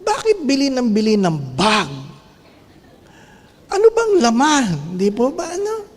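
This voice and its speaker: A priest giving a sermon, playful and animated, firing off rhetorical questions to the congregation. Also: male voice, extremely high pitch, a little slow, big-room sound.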